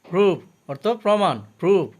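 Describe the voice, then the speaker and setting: The man's voice is high but has a darkish tone. He is from Bangladesh and teaches English vocabulary at a slow, careful pace, repeating each word and its meaning twice and pausing over pronunciation.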